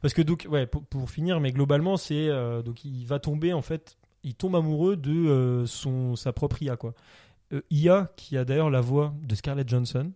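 Podcast co-host, male, mellow dark tone, eager but halting delivery, recommends films. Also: on the high side. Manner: enthusiastic, hesitant with many fillers, laughs often. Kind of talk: casual film chat.

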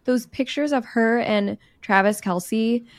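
A woman's voice: a little high, slow pace, no room sound. Chatty, emphatic woman, dry close sound. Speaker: podcast co-host. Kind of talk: casual chat.

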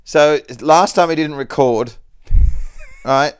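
A man's voice: on the high side, takes it slowly, smooth, no room sound. A man in his forties, a podcast guest, chatting in a sarcastic, mock-exasperated way and swearing a lot. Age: 40s. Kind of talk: casual podcast chat.

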